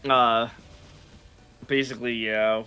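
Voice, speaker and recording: A man's voice: mid-range voice, level tone, slow, bright, forceful tone, smooth, soft background music. A man chatting casually as a fellow gamer, blunt and grumbling, with casual swearing. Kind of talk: casual gaming chat.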